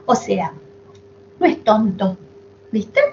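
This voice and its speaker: A woman's voice: mid-range voice, slow pace, dull audio, a little hiss or hum. A woman hosting a casual podcast chat, telling stories with affectionate asides. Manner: chatty, affectionate, animated storytelling with asides. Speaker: podcast host.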